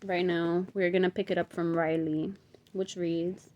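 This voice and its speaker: A woman's voice: on the low side, little pitch movement, measured pace, highs cut off. A woman reading a novel aloud, first recapping casually. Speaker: book reader.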